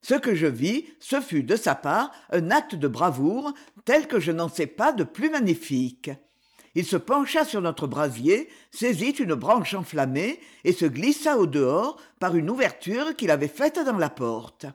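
A man narrating an adventure novel as an audiobook, in a measured, dramatic storytelling manner. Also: high voice, sing-song, husky.

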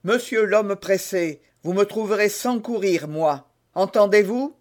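A man's voice: sits high, unhurried. A man voicing a proud, wounded musketeer who speaks in a haughty, menacing way, in an audiobook reading. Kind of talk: audiobook character voice.

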